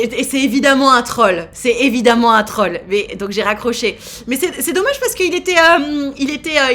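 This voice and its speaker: A woman's voice: high voice, fairly bright tone. A woman in her thirties hosting a live stream, chatting casually in a teasing way with lots of fillers. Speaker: streamer host.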